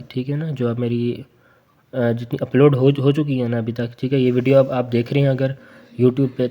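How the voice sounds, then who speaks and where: A young man teaching Quran reading, drawing out each spelled syllable slowly, then chatting casually between words. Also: mid-range voice, mellow.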